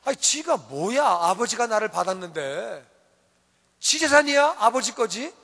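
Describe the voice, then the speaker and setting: A man's voice: high voice, animated, fairly quick, creaky, breathy edge, long reverb tail, exaggerated voice. A man, a preacher, voicing a younger son in a parable who grumbles and gripes with resentment. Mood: grumbling. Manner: grumbling, griping.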